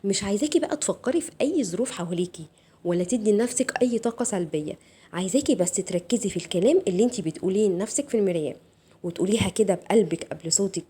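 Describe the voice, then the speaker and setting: A woman with an Egyptian Arabic accent hosting a motivational self-help talk, speaking softly and intimately straight to the viewer. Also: medium pitch, lively intonation, rapid-fire, a little hiss or hum. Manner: soft, intimate, addresses viewer directly. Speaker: channel host.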